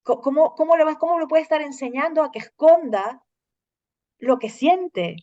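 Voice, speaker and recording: A woman hosting a casual conversation, telling stories in an animated way and acting out the lines of others. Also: high voice, moderate pace, dry recording, muffled recording. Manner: animated storytelling, acting out dialogue. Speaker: host.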